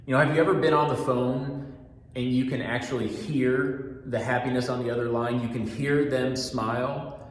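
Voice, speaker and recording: A middle-aged man, a restaurant manager, giving a staff orientation talk through a mask in a steady, fairly monotone, earnest way. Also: medium pitch, moderate pace. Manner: talks through a mask, patient and repetitive. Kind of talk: training talk. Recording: very echoey room with long reverb.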